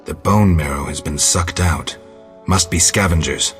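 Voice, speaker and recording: In this video game voice acting, a stoic monster hunter from a fantasy game speaks in an extremely low, gruff voice at a measured pace. His lines are terse, sardonic and deadpan, delivered with an analytical air. Music plays underneath.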